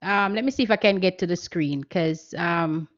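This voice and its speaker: A woman's voice: fairly low pitch, normal speed. A woman giving an earnest, instructive seminar talk on public speaking and voice training over a video call, often repeating her key points. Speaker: guest speaker. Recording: muffled video-call audio.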